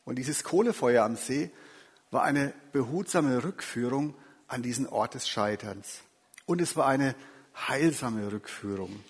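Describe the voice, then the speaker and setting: A man preaching a sermon in a gentle, earnest way with slow, emphatic phrasing. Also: medium pitch, lively intonation, husky. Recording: reverberant hall.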